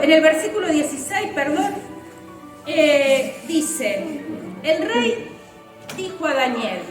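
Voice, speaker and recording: A woman preaching a sermon in a church, fervent and emphatic. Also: sits high. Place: church hall. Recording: roomy church hall, mic at a distance, faint music.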